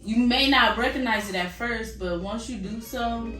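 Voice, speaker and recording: A woman's voice: a little high, normal speed, a bit bright. A woman chatting candidly and casually, with a frank, emphatic, colloquial way of talking. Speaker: vlog co-host. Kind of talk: casual candid chat between sisters. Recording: echoey room, distant mic, music underneath. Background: background music.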